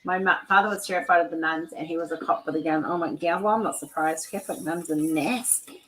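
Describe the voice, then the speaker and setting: A woman with a deep voice talks fast, her tone a bit bright, on a low-quality recording. Hosting a casual livestream chat on a video call, she tells rambling, loose stories, chatty and full of "like" and restarts.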